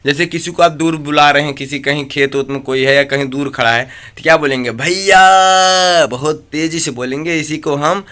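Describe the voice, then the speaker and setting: A man teaches an exam-prep grammar lesson, drilling with questions he asks and answers himself and stretching out vowel sounds to demonstrate. His voice is on the high side and fairly bright, with fairly even intonation, delivered briskly with few pauses.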